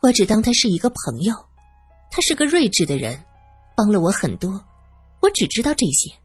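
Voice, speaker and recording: A woman voicing a guarded young woman who talks in a brisk, dismissive way. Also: mid-range voice, sing-song, breathy edge, faint music behind. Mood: offhand. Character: cool, guarded young woman, shrugging things off.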